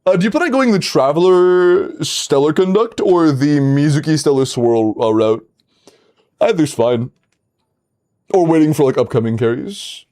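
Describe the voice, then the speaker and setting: A man's voice: a little high, lively intonation, normal speed, a little mellow. A man in his twenties, casually chatting on a livestream, playfully bantering with chat and laughing often. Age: 20s. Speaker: streamer. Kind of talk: casual livestream chat reviewing game accounts.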